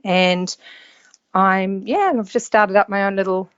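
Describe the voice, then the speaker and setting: A woman's voice: mid-range voice, unhurried, fairly bright tone, clean tone, dry recording. A woman from New Zealand with a New Zealand accent, a podcast guest talking in an easygoing way over a video call. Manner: easygoing, with fillers and small restarts. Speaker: podcast guest, yacht stewardess. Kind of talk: casual interview chat. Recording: dull, dry call audio.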